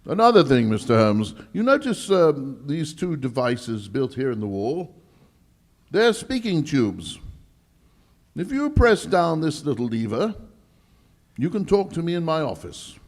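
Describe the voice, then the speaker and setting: An actor playing a proud, easily exasperated English lord in charge of a bank vault, speaking formally in a 1940s radio drama style. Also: male voice, a little high, sing-song, exaggerated voice. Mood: formal explaining. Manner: emphatic, deliberate, formal, slightly halting. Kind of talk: 1940s radio drama acting, performed live.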